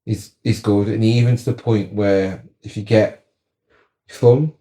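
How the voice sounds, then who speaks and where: A man's voice: fairly low pitch, steady tone, measured pace, warm tone. A man giving casual, chatty advice on relaxing, showing the moves as he talks and repeating words for stress. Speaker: wellness coach.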